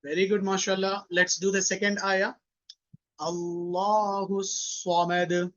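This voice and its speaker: A man's voice: sits high, level tone, very slow, a bit bright. A man teaching children Quran recitation in an online lesson, patiently repeating each phrase for pupils to echo, mixing Hindi and English instructions. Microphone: video call. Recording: dull, lo-fi online call audio.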